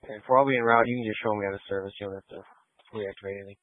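A man's voice: on the low side, fairly even intonation, rapid-fire, no room sound. A man working as a police officer, calling in traffic stops in a matter-of-fact way and spelling plates and names letter by letter, heard over a phone-like radio channel. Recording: narrow phone-like radio audio, dry.

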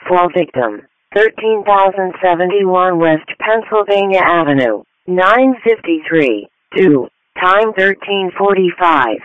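A man's voice: high voice, expressive, a little slow. A man making clipped emergency dispatch announcements over a narrowband police radio channel.

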